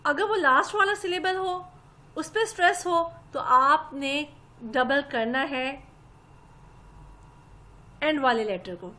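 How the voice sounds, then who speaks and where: A woman's voice: sits high, bright, forceful tone. A woman teaches English grammar. She explains patiently, step by step, and keeps addressing her listeners politely. She speaks into a laptop mic for a recorded lesson.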